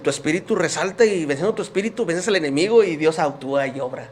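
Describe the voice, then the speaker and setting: A man's voice: on the high side, animated, fast, slight background noise. A man giving his personal faith testimony as a podcast guest, telling his story in an earnest, emotional way.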